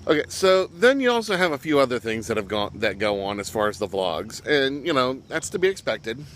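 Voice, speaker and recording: A man's voice: medium pitch, sing-song, fairly quick, a bit bright, a little hiss or hum. A man talking casually as he reviews a web series episode, rambling with fillers and throwing in jokey asides. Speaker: show reviewer.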